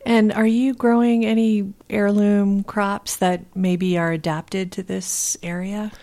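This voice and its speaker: Interviewer, woman, mid-pitched, curious and friendly in her questions. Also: flat delivery, slow pace, warm tone.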